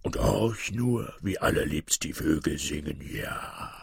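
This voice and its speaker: A man voicing a cunning, mocking wolf in a fairy-tale reading, slipping into hushed whispers. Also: a bass voice, expressive, takes it slowly, vocal fry, husky, no echo, studio quality, voice pushed down, heavily acted. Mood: sly. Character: sly cunning big bad wolf, male.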